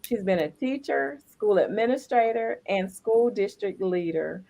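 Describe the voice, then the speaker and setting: A woman's voice: medium pitch, a little slow, vocal fry, mellow, poor audio. Woman host reading guest introductions. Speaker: podcast co-host.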